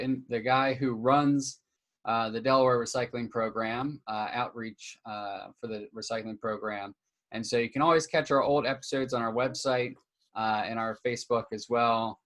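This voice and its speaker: A man's voice: medium pitch, a bit bright. A young man hosting a live stream interview on a video call, casual and full of fillers. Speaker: host.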